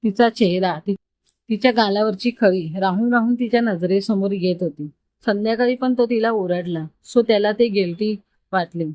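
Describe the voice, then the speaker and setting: A woman storyteller reading an emotional story aloud in a calm, measured manner. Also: medium pitch, dry recording. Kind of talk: scripted story narration.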